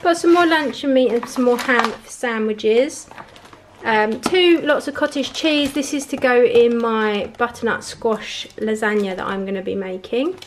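A woman's voice: a little high, a little slow, slight background noise. A woman vlogger chatting casually as she goes through her shopping at a kitchen table, listing items and prices with plenty of ums and likes. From England. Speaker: family vlogger. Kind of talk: casual grocery haul chat. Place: home kitchen table, indoors.

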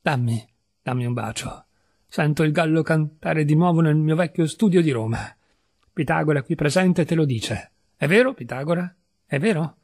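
A man plays a deranged young painter in an audiobook, his voice husky and raised high as it lurches between giddy relief and fury. Every phrase sounds feverish and unhinged. The tone stays erratic throughout, never settling. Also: a little mellow, no room sound, clean studio sound. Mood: pleading. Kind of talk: audiobook reading.

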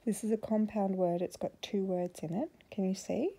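A woman with a husky voice, prompting and encouraging a small child through reading in a casual way. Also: medium pitch, normal speed, mellow. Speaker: adult helping a young child learn to read. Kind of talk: casual coaching of a beginner reader. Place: indoors at home, cluttered room.

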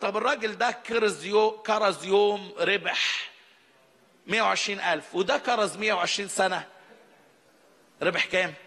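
A man's voice: high-pitched, moderate pace, long pauses. A male pastor with an Egyptian accent, preaching a sermon in a conversational way, asking the congregation questions. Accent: Egyptian Arabic. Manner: conversational preaching with rhetorical questions, grows animated. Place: church hall. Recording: reverberant church hall.

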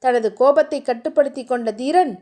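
A woman narrating a romance novel aloud in a steady, expressive storytelling manner. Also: high voice, normal speed.

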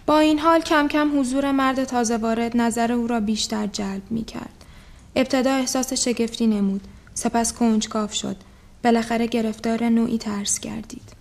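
An actress playing a woman who reads a novel aloud in a measured, literary way. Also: on the high side, fairly even intonation, close to an everyday voice. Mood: reading.

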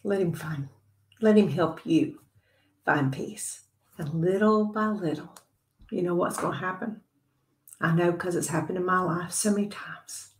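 A woman giving a devotional Bible teaching to other women, earnest and conversational, sometimes dropping to a soft whisper. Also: fairly low pitch, reverberant.

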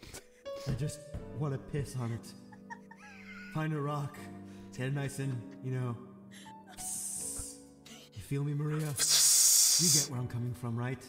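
A man voicing a brooding, self-serious hedgehog antihero with deadpan delivery in an improvised comedy game fan dub. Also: medium pitch, measured pace, long pauses, natural voice. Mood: brooding, obsessive. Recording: roomy sound, game music behind.

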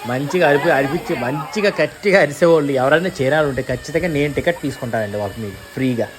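A man's voice: a little high, very fast. A young man with a Telugu accent, chatting directly to viewers as he vlogs an outdoor amusement park on an action camera. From India. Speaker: travel vlogger. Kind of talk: casual vlog narration. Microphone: handheld action camera. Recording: noisy outdoor park ambience.

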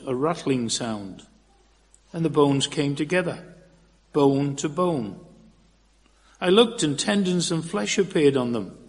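A man reading scripture aloud in a church, deliberate and expressive, at a pulpit microphone. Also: fairly high pitch. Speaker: scripture reader. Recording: long church reverb.

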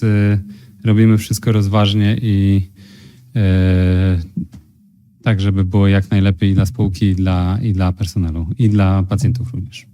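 A man, a company president, reporting to a council at a pulpit microphone in a measured way, with frequent hesitations. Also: fairly low pitch, warm tone. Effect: speaking at a pulpit microphone. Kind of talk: formal report to a city council. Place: council chamber.

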